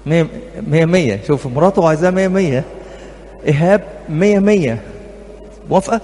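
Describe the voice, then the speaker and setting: A man's voice: a little high, a little fast, warm tone. A middle-aged man with an Egyptian accent giving a talk to couples at church as a marriage counselor, humorous and anecdotal, speaking straight to his audience. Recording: reverberant hall, faint background noise.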